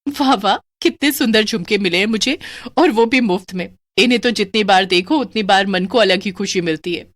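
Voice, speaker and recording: A woman voicing a greedy, excitable young wife whose voice goes shrill. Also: normal speed, dry recording, close to an everyday voice. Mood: cheerful.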